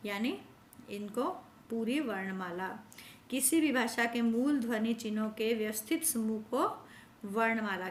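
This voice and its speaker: A woman teaching a grammar class, explaining patiently and stretching out sounds so the children can hear them. Her voice sits a little high. The room is echoey, with a faint hum behind her. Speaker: school teacher.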